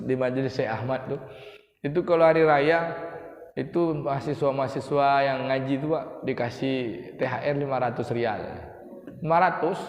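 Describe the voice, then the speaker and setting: A man preaching a lively sermon, questioning his congregation. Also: medium pitch. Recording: echoey hall.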